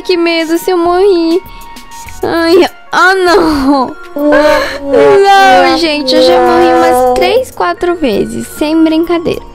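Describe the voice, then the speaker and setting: High-voiced Brazilian woman narrating gameplay. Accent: Brazilian Portuguese. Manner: excitable, squeals and giggles when scared. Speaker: gaming channel host. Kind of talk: casual gameplay commentary.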